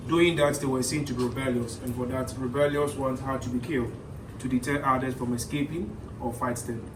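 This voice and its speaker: A man's voice: medium pitch, steady tone, brisk. A man working as a tour guide, explaining a historic site as he leads visitors through it. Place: inside stone castle cells and passages. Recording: echoey stone chambers, distant mic, clear background noise.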